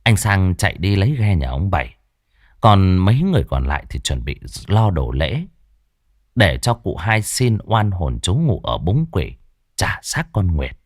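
Man, ghost story narrator, deep voice, lively dramatic delivery, dry close recording. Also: measured pace, no echo.

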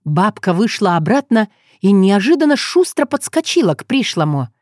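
A woman reading a story aloud as narrator in an expressive storytelling manner. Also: medium pitch, normal speed, dry recording, studio quality. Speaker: audiobook narrator. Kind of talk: scripted narration.

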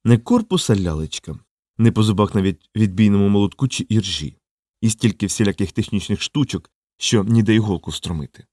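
A man's voice: fairly low pitch, expressive, fairly quick, a little mellow, no echo, studio quality. A man reading an audiobook in a vivid, dramatic narrating style.

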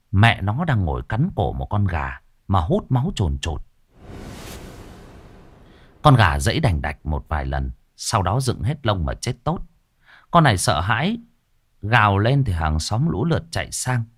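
A man's voice: low-pitched, dry recording, clean studio sound. A man narrating a horror story in a scripted, dramatic way. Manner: expressive, dramatic.

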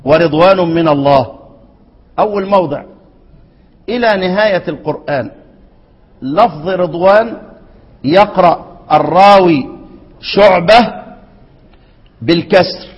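Man, Egyptian accent, teacher, high voice, quizzes students, long hall reverb, muffled sound. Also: a little slow, long pauses, breathy edge. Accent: Egyptian Arabic. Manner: keeps asking students to fill in words. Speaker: Quran recitation teacher. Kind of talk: explaining a classical text to students. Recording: dull, reverberant hall recording.

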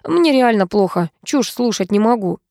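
A bedridden man whines and pleads to be left alone, read out by a woman. Her mellow voice sounds close and dry, like an audiobook. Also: fairly high pitch, lively intonation, moderate pace, no echo. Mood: whining. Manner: whining, pleading. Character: whining bedridden man, evasive and complaining.

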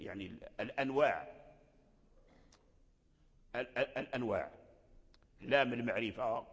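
A man's voice: medium pitch, breathy edge. A man teaching Quran recitation in a lesson, repeating each word several times as he explains. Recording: long hall reverb.

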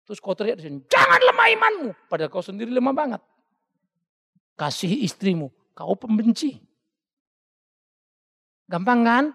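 A high, gravelly male voice rises and falls widely as a pastor preaches. He jokes and acts out the people he quotes. The sound carries a long hall reverb. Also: expressive, moderate pace, pauses often. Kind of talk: sermon.

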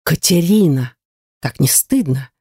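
A woman voicing a smug, domineering male rector who teases in a low, mocking drawl. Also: expressive, unhurried, warm tone, slightly rough, no room sound, clean studio sound, full character voice. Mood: teasing.

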